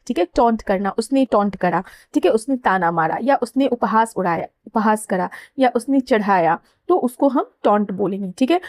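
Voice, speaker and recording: A woman teaches vocabulary in a patient, repeating way, often pausing to check understanding. Her voice sits a little high and sounds soft and mellow. The recording is close and dry, with no room sound. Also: no room sound. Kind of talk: explaining word meanings.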